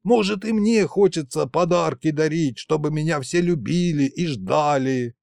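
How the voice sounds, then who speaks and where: A man's voice: on the high side, unhurried, vocal fry, a little mellow, no room sound, clean studio sound. A man voicing a sly, fat old male trickster spirit who whines and pities himself in a folksy way. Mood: whining. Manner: self-pitying, wheedling, folksy.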